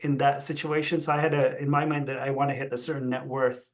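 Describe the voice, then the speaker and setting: Fast-talking and medium-pitched, with little pitch movement, he is a middle-aged chief executive from the Philippines who speaks Tagalog. As an interview guest, he offers a conversational personal account.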